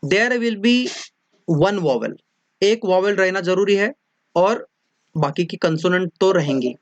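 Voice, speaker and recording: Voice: mid-range voice, lively intonation, slow, dry recording, dull audio. A teacher explaining a lesson in a mix of Hindi and English, often repeating points and checking that students follow. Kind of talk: classroom lecture mixing Hindi and English.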